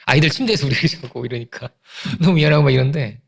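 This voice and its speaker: A man's voice: mid-range voice, quick pace, vocal fry. A middle-aged male pastor preaching a sermon with emphatic repetition and rhetorical questions.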